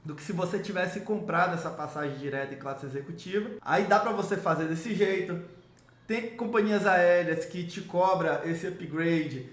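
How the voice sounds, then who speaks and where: A man from Salvador, giving an enthusiastic, salesy explainer on travel rewards and speaking straight to the viewer. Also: normal speed. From Salvador, Brazil. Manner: enthusiastic salesy pitch, addresses viewer directly. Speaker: miles and travel rewards coach. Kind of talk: promotional explainer video. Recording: roomy echo.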